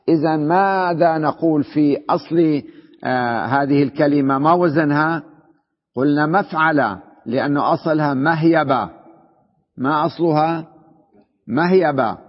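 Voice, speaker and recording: A man teaching an Arabic grammar lesson. He explains step by step, asks his class questions and answers them himself, and drags words out slowly to spell out their forms. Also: fairly high pitch. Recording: muffled recording with long hall reverb.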